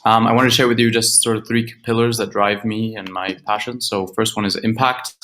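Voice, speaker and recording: A man from Guatemala giving a prepared grant pitch on a video call, listing his points steadily with a few fillers. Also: fairly even intonation, a little fast, a bit bright, slight background noise, poor audio. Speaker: grant finalist presenting.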